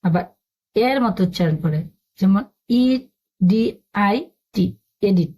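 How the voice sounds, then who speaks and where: A woman's voice: medium pitch, a little slow, darkish tone. A woman teaching a spoken lesson, patiently spelling out words letter by letter.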